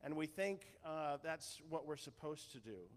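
A slightly high-voiced male pastor gives a loose, conversational sermon. He rambles and often restarts his sentences. A long reverb trails behind his voice, as in a large hall. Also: expressive. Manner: rambling, halting, with many restarts.

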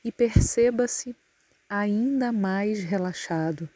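Speaking in a mid-range voice with no echo, a woman with a Brazilian Portuguese accent guides a yoga nidra meditation. Her instructions are calm and soothing, separated by long pauses.

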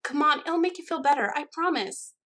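A woman voicing a bubbly, eager young friend with a high, excited voice. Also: a little fast. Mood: eager coaxing.

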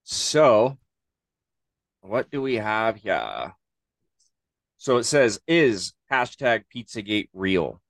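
A man with a low voice talks casually as a podcast co-host. He is easygoing and slangy, with plenty of swearing, and is recorded close and dry. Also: very animated, drawn-out words, vocal fry, long pauses, no room sound. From Southern California. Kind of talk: casual chat.

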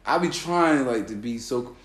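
A man in casual chat with friends, telling a story in a relaxed, profane way. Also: medium pitch, moderate pace. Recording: echoey room.

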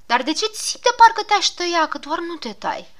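A woman's voice: very high-pitched, very animated, fairly bright tone, pitched above the performer's own voice, full character voice. A woman voicing a fussy, grumbling male gnome doctor who coaxes and scolds in a storybook reading. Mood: fussing. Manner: soothing then scolding, fussy.

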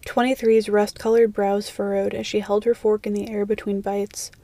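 Woman narrator for a story reading, monotone and dark-toned. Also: medium pitch, moderate pace, no room sound. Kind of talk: fan fiction audiobook reading.

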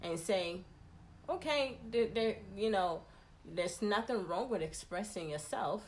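A woman's voice: mid-range voice, animated, measured pace, slight background noise. A woman in a casual conversation, speaking emphatically and giving advice drawn from her own experience.

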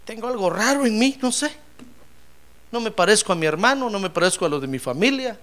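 A man's voice: high voice, animated, a little fast, a bit bright, pitched above the performer's own voice. A man voicing a desperate man who laments that he is tired of running. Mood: weary. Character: weary desperate young man on the run.

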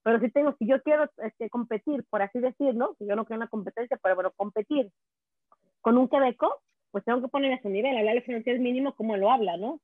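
Fast high Mexican woman on a phone line. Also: no echo. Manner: fast, chatty, restarts words. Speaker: guest immigration speaker. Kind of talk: casual chat. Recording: tinny dry phone line.

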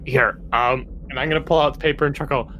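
Bright-voiced man in a tabletop game. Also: mid-range voice, fairly even intonation, fast, slight background noise, poor audio. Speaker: player. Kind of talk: casual tabletop role-play.

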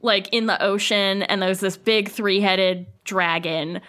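A woman's voice: mid-range voice, fairly even intonation, unhurried, a bit bright. A woman hosting a podcast, chatting casually and retelling film scenes with lots of laughter. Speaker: podcast host.

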